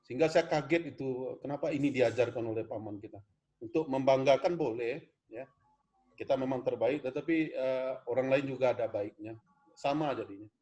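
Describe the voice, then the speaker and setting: A man's voice: medium pitch, a little fast, warm tone. A man from West Sumatra, lecturing in an online class, earnest and rambling, often addressing students as "Pak". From West Sumatra, Indonesia. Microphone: video call.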